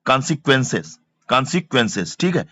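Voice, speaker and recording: A male teacher, repeating each word slowly and drilling pronunciation. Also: mid-range voice, big pitch swings, bright, forceful tone. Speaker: vocabulary teacher. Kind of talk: exam-prep vocabulary lesson. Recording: dull, dry lo-fi sound.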